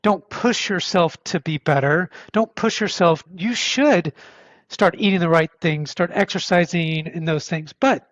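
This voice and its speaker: High-voiced male host, dull lo-fi audio. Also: measured pace, a bit bright, no room sound. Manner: rambling, anecdotal. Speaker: podcast host. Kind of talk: casual interview conversation.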